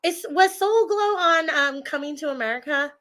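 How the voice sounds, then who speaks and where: A woman co-hosting a podcast in casual chat, teasing her partner and quick to laugh. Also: high voice, a bit bright. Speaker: podcast co-host.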